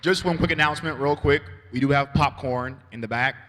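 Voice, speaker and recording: A man's voice: mid-range voice, fairly quick, a bit bright, a faint crowd. A man emceeing a comedy show, introducing acts and making announcements in a loose, chatty way. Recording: reverberant hall with faint noise.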